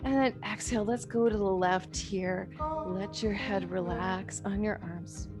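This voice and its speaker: A woman's voice: medium pitch, steady tone, unhurried. Woman leading yoga over guitar music. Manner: instructional, short repeated cues. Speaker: yoga instructor. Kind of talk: guided yoga class with breath counts and cues. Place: online class, instructor watching students on a monitor. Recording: background music with plucked guitar.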